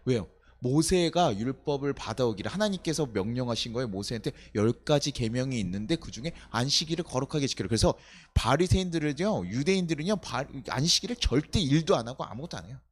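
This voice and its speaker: A male pastor preaching a sermon at a night worship service, conversational and animated, asking the congregation rhetorical questions and briefly acting out quoted voices. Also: a little high, slightly rough. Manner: acts out quoted voices in short snaps.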